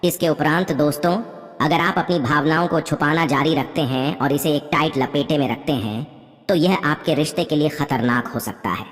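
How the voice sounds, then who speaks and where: A woman reading a scripted horoscope in a steady way, often calling the listeners her friends. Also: low voice, normal speed, in a large hall, faint music behind. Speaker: horoscope presenter.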